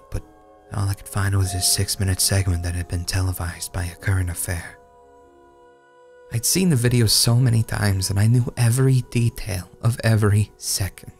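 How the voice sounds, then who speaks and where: A man narrates a dark first-person tale in a low voice with a crackly, gravelly edge. His delivery is brooding and hushed, halting for dramatic pauses. Music plays clearly underneath. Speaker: narrator reading a horror short story. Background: background music.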